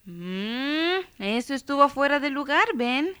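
A woman voicing a caring mother, gentle and reassuring. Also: sits high, lively intonation, takes it slowly, no echo, pitched above the performer's own voice, full character voice.

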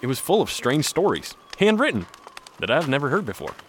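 A man's voice: fairly high pitch, wildly swooping pitch, a little fast, a little hiss or hum. An actor playing a folksy mountain man telling a story by the campfire in an audio drama.

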